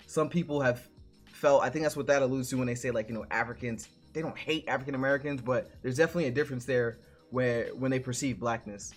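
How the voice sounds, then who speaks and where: This New York co-host has a medium-pitched voice and speaks quickly, easygoing and rambling during a casual live-stream chat on a video-call podcast. He thinks out loud with plenty of restarts while music plays faintly in the background.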